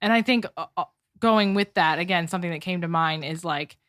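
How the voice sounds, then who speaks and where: A woman's voice: lowish voice, fairly quick, dry recording, studio quality. A young woman co-hosting a podcast, speaking reflectively about grace in marriage, with a slight lisp. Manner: soft agreeing, reflective talk. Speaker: podcast co-host. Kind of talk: casual chat about marriage.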